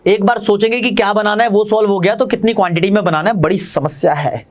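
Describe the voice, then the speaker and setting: A man with an Indian accent teaching commerce in a fast, chatty online lecture, talking straight to his students. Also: sits high.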